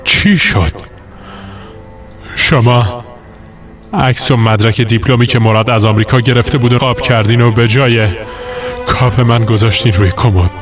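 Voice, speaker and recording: A man's voice: medium pitch, steady tone, pauses often, natural voice. A man dubbing a grown son who reproaches his mother with hurt and bitterness in a TV drama. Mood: reproachful. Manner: reproachful, wounded. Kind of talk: dubbed TV drama. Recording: muffled audio with clear music.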